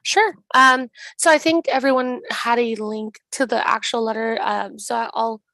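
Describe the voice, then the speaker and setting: A woman in her twenties with an American accent and a hoarse voice, explaining an issue at a public meeting over a video call. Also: fairly high pitch, fairly even intonation, unhurried, sharp tone, dry recording. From Southeast Los Angeles, United States. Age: 20s. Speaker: mayor presenting at a public meeting.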